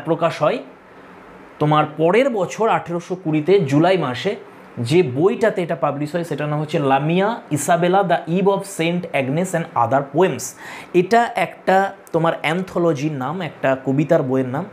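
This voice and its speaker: A man's voice: on the high side, a little hiss or hum. A man teaching literature to exam students in a lecture, explaining step by step, repeating key points and telling students to take notes. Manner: addresses students directly, tells them to take notes. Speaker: literature tutor.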